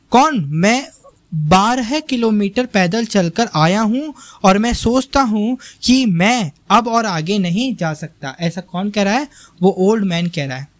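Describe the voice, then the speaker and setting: Young male teacher, measured slow delivery, questions the class as he explains, close dry mic. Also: high-pitched, no echo. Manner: reads English lines very slowly, then explains in Hindi with quiz-style questions. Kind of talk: slow line-by-line textbook lecture.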